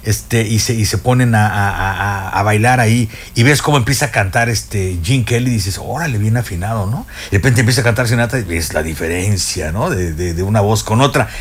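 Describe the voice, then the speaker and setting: In a radio studio, an older music expert with a Mexican Spanish accent talks casually in a lowish voice. He is fairly quick, with hardly any pauses, and there is slight background noise. His stories come with many fillers and restarts.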